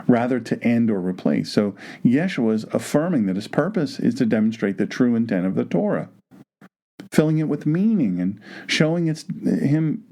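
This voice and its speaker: A man teaching the Bible with animated emphasis, often repeating phrases to drive a point home. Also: medium pitch, creaky. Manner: acts out imagined objections in quoted voices.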